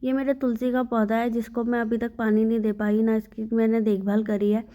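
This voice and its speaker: A woman's voice: a little high, little pitch movement, fairly quick, warm tone. A young woman vlogging her day at home with her baby, weary and short on sleep, talking to the viewer about her aches and troubles. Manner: weary, complaining, talks to the viewer. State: sleep-deprived and in pain. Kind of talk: casual vlog narration. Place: at home, by the front door.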